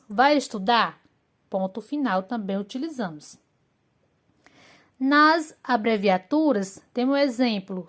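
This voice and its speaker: Slow-speaking woman teacher. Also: a little high. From Brazil. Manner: slow, deliberate explaining with fillers like "né". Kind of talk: remote class lesson.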